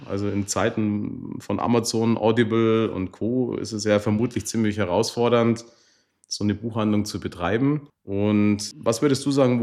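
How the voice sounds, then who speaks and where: A man with a low voice hosting a podcast interview. He asks his questions in a friendly, encouraging and slightly formal way. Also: a little mellow. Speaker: podcast host.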